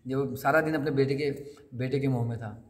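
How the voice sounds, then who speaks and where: In a temple hall, a man gives a conversational sermon at a scripture class, asking his listeners questions and acting out the lines he quotes. His mid-range voice has fairly even intonation and a normal speed. Long hall reverb and faint noise mark the recording.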